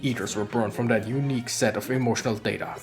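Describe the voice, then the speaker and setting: A streamer voicing Omnimon, a grave armored knight guardian, in a forced, strained deep voice with a formal, measured way of explaining. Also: fairly even intonation, soft background music, natural voice. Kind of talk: game dialogue read aloud.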